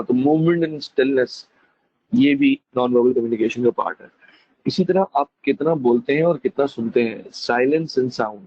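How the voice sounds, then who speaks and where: A male teacher gives a classroom lecture, calling students friends, mixing in English phrases and demonstrating with lively emphasis. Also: medium pitch, no echo. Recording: dull lo-fi dry recording.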